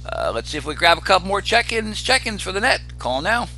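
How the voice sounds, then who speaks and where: A man casually hosting a ham radio net as its control operator, with a halting delivery full of pauses. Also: high voice, sing-song. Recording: noticeable hum and background noise.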